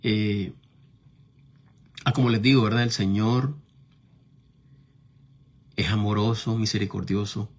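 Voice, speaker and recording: A middle-aged Nicaraguan man with a Nicaraguan Spanish accent preaches a sermon and shares a personal testimony in a conversational way. His voice is fairly low and steady, and he speaks slowly with frequent pauses. He keeps checking in with his listeners through tag questions.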